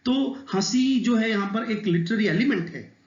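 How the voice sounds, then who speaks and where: A male literature teacher lectures to his students, mixing English terms into his explanations and drawing out quoted verse slowly. His voice sits fairly high. The sound is dull and lo-fi, with a roomy echo around it. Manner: addresses students directly, explanatory.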